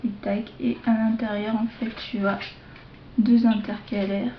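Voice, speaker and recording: A woman showing off a shopping haul to her viewers in a casual show-and-tell, hesitant, with many fillers and self-corrections, slipping into soft asides. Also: on the high side, level tone, slight background noise. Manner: slow, chatty, drops into soft asides. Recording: dull lo-fi home video sound.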